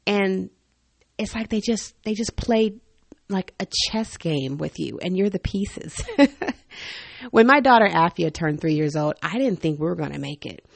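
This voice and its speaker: An animated woman in her thirties tells stories in a candid, funny way and laughs often. Her voice sits fairly low, and the recording is dry and close. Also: a little slow, creaky, dry recording. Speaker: podcast host. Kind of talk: personal storytelling monologue.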